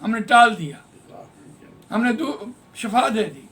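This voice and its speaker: A man teaching Quran translation in a classroom lesson, patiently explaining grammar and repeating words slowly. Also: very high voice, expressive, pushed and bright.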